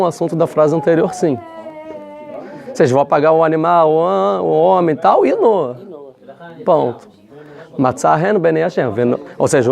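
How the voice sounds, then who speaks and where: Cara dando aula bem informal, voz meio aguda e rouca, se corrige o tempo todo. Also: male voice, on the high side, vocal fry, a little mellow. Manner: conversational, many fillers and restarts, rhetorical questions. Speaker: teacher. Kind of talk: casual Torah lesson.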